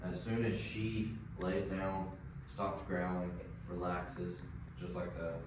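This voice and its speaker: A low-pitched man talks through a dog training session in a casual, explaining way, often checking in with "right?". He is picked up from across a very echoey room, with faint noise behind him. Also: takes it slowly. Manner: relaxed, explanatory, lots of "like" and "right?". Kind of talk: casual instruction. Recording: very echoey room, mic at a distance.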